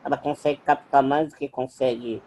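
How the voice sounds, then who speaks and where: A man's voice: medium pitch, steady tone, fairly quick, darkish tone, slight background noise. A man hosting a class conversation, asking guiding questions and checking whether he has understood.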